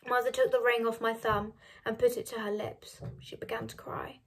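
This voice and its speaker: A woman reading a novel aloud, measured and dropping soft on narration. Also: a little high, level tone, slight background noise. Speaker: reader of a novel.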